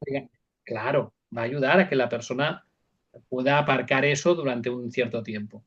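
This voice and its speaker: A man's voice: medium pitch, fairly even intonation, normal speed, fairly bright tone, dull audio. A man speaking as a psychologist guest, explaining step by step with examples and frequent repeated words. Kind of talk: casual interview talk.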